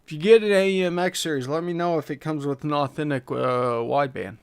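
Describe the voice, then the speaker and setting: A man's voice: fairly high pitch, fairly quick, gravelly, smooth. Casual man reading chat questions on a livestream. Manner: thinking aloud, reading chat questions, frequent fillers. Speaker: livestream host answering chat questions on engine tuning.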